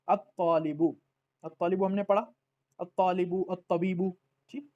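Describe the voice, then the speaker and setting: A man's voice: sits high, fairly even intonation, warm tone, muffled recording. A man teaching Arabic letters in an online lesson, patiently repeating words and checking that his students follow.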